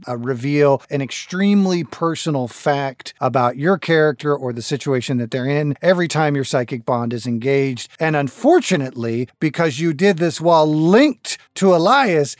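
A man's voice: a little high, no echo, studio quality. A man hosting a tabletop game podcast as game master, speaking in a playful, mock-serious way.

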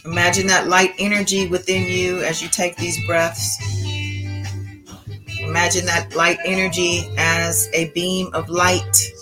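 A woman guiding a breathing meditation in a calm, meditative, slow and deliberate way. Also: lowish voice, soft background music, low-quality recording. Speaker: host of an online spiritual channel.

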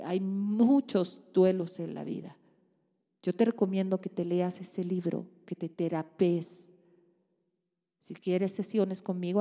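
A woman's voice: fairly low pitch, warm tone, in a large hall. A woman, reading out and answering listeners' letters in a tender advice monologue, full of soothing endearments. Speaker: relationship advice host.

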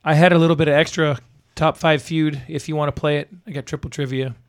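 A man with a hoarse voice chatting casually and bluntly as a podcast co-host. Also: on the high side, fairly even intonation, fast. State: hoarse, can barely talk. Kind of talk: casual banter.

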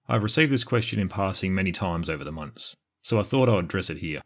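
An Australian man hosting a history podcast, reading scripted narration in a measured, explanatory way. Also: low-pitched, lively intonation. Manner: measured, explanatory, answers listener questions.

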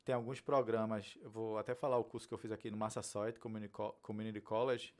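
A man's voice: lowish voice, quick pace. A man from Brazil, a podcast guest chatting casually and acting out conversations as he tells stories. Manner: animated storyteller, acts out dialogue. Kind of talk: casual chat. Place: United States.

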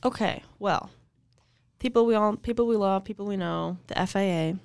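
A woman's voice: medium pitch, normal speed, clear, resonant tone, dry recording. A young woman co-hosting an aviation podcast, chatting and reading out news items. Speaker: podcast co-host. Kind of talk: casual podcast chat.

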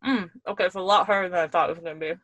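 A woman's voice: fairly low pitch, steady tone, racing, a bit bright, no echo. A woman co-hosting a podcast over a video call, chatting casually while tasting snacks and often repeating her words as she talks. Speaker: podcast co-host.

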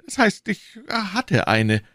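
A quavering, frightened shopkeeper in a storybook audiobook, played by a man who pushes his voice far above his own. The pitch jumps about as the figure begs and protests, and the dry, close recording keeps every tremor plain. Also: very animated, moderate pace, vocal fry, no room sound, heavily acted. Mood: anxious, pleading. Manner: trembling, pleading, high-pitched. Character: timid frightened middle-aged male shopkeeper under interrogation. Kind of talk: audiobook reading.

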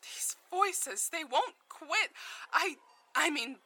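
A woman playing a guilt-ridden mother haunted by voices in an audio drama, speaking haltingly and with strain. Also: medium pitch, bright, forceful tone. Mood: agitated, angry. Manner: halting, emotionally fraught.

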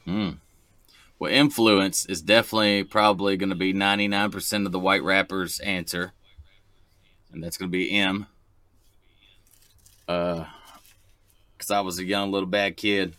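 A man in his thirties with a very low voice that still has a bright, forceful edge. He speaks casually, as a rapper being interviewed. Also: flat delivery, moderate pace, long pauses, smooth. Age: 30s. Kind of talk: casual chat.

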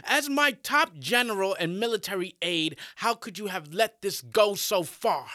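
A man's voice: medium pitch, animated, measured pace, bright, forceful tone, no echo, studio quality. A man voicing an angry, proud emperor who scolds and gives commands. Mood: stern.

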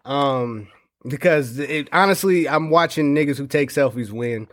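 A man co-hosting a casual podcast chat, talking in a relaxed, musing way about himself. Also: medium pitch, a little slow. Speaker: podcast co-host.

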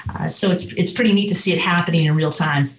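A woman with a somewhat low voice speaks earnestly, often pausing on um and going back over her words. The sound comes through a video call. The audio is dull and carries the echo of the room. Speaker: school community member, program co-creator. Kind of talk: casual conversation on a video call.

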